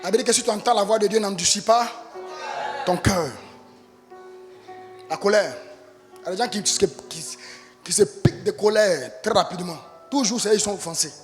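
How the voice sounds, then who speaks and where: A man preaching a sermon as pastor, impassioned and often rising to shouts. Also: sits high, normal speed, long pauses, big-room sound, soft background music. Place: church.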